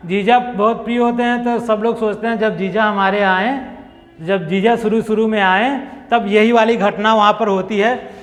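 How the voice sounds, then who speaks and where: A man teaching an exam-prep grammar lesson. He repeats key points, often checks in with his listeners, and reads examples slowly, word by word. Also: high voice, fairly even intonation, long reverb tail, soft background music.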